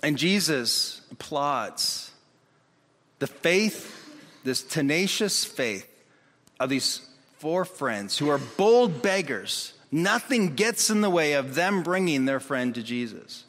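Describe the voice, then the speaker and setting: A man preaching a sermon in an animated way, acting out the voices of the people in his story. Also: a little high, takes it slowly. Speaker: pastor. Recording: long reverb of a hall.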